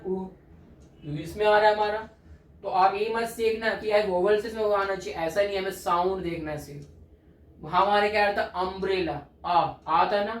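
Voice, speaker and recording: Echoey distant male grammar teacher. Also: high voice. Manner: patient, repeats key points, checks understanding often. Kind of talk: explanatory teaching.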